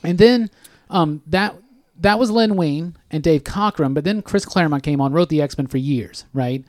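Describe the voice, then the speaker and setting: A man's voice: fairly high pitch, normal speed, darkish tone, no room sound. A man co-hosting a casual podcast chat in a studio, rambling and saying "like" a lot. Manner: rambling, says "like" often. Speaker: podcast co-host. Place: recording studio.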